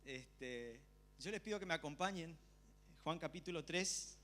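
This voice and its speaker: A man with an Argentine accent preaching a church sermon, telling a personal story with lively, acted-out reactions. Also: on the high side, measured pace. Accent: Argentine Spanish. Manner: animated storytelling, acting out his own past reactions.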